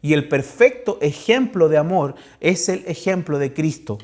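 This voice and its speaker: A man's voice: a little high, animated, moderate pace, darkish tone. A pastor from Chile with a Chilean accent, preaching a sermon in an earnest way and putting direct questions to his listeners.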